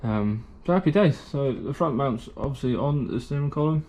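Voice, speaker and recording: A man's voice: medium pitch, animated, moderate pace, darkish tone. Chatty British man in a hot garage. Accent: British English. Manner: chatty, rambling, lots of ums and so-yeahs. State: slightly out of breath from heat. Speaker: amateur race car builder. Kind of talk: casual workshop vlog narration.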